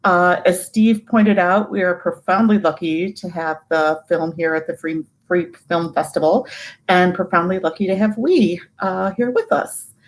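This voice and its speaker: A woman's voice: lowish voice, steady tone, a little slow, poor audio. A woman writer moderating a post-film Q&A, hesitant, with many fillers and repeated words.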